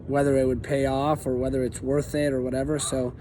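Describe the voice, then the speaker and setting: Earnest young man from Argentina, warm low-key delivery, hesitant, faint hiss behind. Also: flat delivery, fairly quick. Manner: earnest, hesitant with many fillers. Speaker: aspiring teacher. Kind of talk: casual self-introduction.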